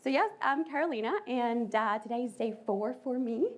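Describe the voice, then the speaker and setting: A woman from Colombia with a Colombian Spanish accent, giving a lively conference talk to an audience. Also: fairly high pitch, moderate pace. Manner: lively, audience-engaging presenter. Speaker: conference speaker.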